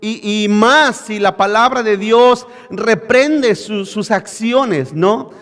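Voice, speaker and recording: A man's voice: high-pitched, slow, fairly bright tone. A man preaching a sermon, quizzing his congregation with rhetorical questions. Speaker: pastor. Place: church hall. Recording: echoey church hall.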